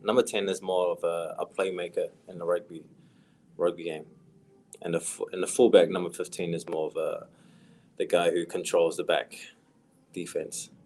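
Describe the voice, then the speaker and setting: A young man from New Zealand with a New Zealand accent, a footballer chatting casually in a podcast interview, soft-spoken with a voice that trails off quietly. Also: sits low, flat delivery, normal speed. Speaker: professional footballer guest.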